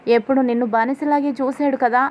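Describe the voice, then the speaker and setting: A warm-hearted middle-aged mother-in-law comforting a young woman in a gentle, coaxing tone, as a woman storyteller voices her. Her voice is a little high. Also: steady tone, fairly quick, lightly acted. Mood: tender.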